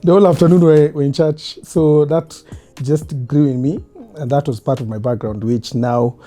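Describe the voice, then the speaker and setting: Mellow-voiced Kenyan man in his thirties. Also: on the high side, normal speed, soft background music. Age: 30s. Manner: relaxed, reflective, laughs often. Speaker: guest. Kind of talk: casual interview.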